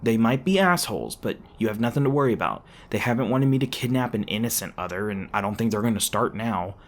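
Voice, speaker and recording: In an ASMR roleplay, a man voices an edgy monster hunter with a fairly low voice, talking fast and animatedly in a sarcastic, brash way. Beneath that he's protective and soft-hearted, sounding reassuring and stumbling over his words when flustered.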